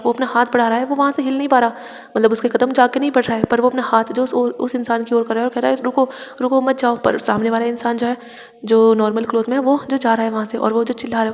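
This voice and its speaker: A woman's voice: on the high side, a little mellow, big-room sound. A woman casually retelling a fan fiction story, talking in a conversational way with many small restarts. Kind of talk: casual story recap narration.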